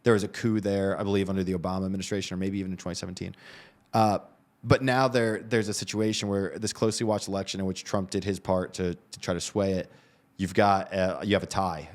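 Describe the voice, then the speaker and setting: A man's voice: deep voice, steady tone, fast talker. A man co-hosting a news show, discussing the headlines in a conversational, hedging way and often restarting his phrases.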